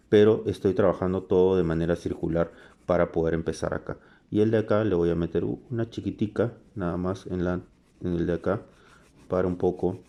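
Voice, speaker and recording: A man teaching a drawing lesson while he sketches, chatty and relaxed, often checking in with "ok?" and correcting himself. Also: sits low. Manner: chatty, frequent "¿ok?" and self-corrections.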